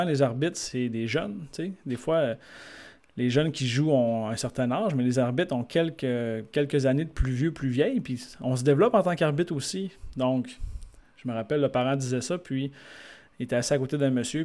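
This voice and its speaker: A man with a Québécois accent, a sports coach telling anecdotes in a conversation and acting out the people in them. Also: medium pitch. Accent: Québécois French. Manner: lively storyteller who acts out the people in his stories. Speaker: sports coach and guest speaker.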